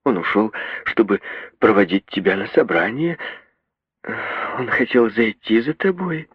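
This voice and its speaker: A man's voice: on the low side, very animated, a little slow, husky, no room sound, voice pushed up, heavily acted. A man voicing a timid, anxious middle-aged mother who frets and pleads in a raised, strained voice, in a literary reading. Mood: frightened. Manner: fretful, pleading, breathless. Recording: dull, muffled radio recording.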